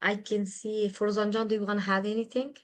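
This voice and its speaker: A woman moderating a video call, giving brief thanks and quick handoffs to the speakers. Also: mid-range voice, little pitch movement.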